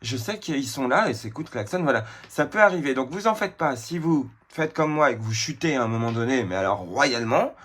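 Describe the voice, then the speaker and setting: A man's voice: mid-range voice, lively intonation, a little fast, few pauses, fairly bright tone. A man reading tarot cards who talks in a casual spiritual vlog style, confiding and emotional, with many filler sounds and restarts. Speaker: tarot card reader.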